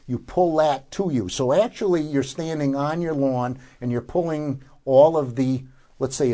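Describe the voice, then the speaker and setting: Mellow older man, halting gardener. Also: mid-range voice. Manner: halting, searching for words. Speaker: gardener being interviewed. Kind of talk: informal how-to explanation.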